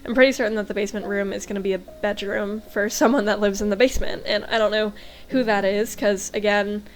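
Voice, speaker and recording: A woman's voice: medium pitch, fairly even intonation, fast talker. A young American woman chatting casually in a voice-over about her game build, talking in a loose, rambling way full of fillers. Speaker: game vlogger.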